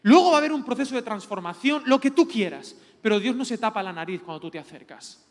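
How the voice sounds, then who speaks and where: Middle-aged pastor with a Spanish accent from Spain, high voice, playful preaching, long hall reverb. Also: male voice, fast talker. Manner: lively, joking, playful preacher. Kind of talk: teaching sermon. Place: large church hall.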